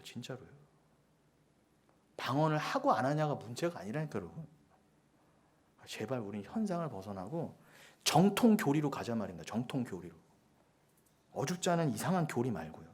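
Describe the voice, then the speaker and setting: Emphatic Korean pastor preaching. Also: male voice, medium pitch, husky. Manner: emphatic, swings from loud rhetorical questions to hushed asides. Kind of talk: sermon.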